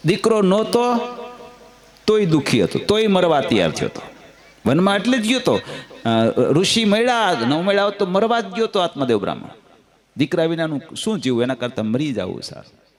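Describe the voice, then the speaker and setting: A man with a Gujarati accent giving a devotional scripture discourse, telling stories and folk anecdotes in a lively, sing-song way. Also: a little high, normal speed, long pauses. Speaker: katha storyteller.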